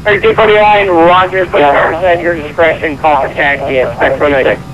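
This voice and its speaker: A man working as an air traffic controller, giving clearances over radio in air traffic control phrasing. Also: fairly high pitch, steady tone, a little fast, fairly bright tone. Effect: radio transmission. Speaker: air traffic controller in an online flight simulation. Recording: dull lo-fi radio, light noise.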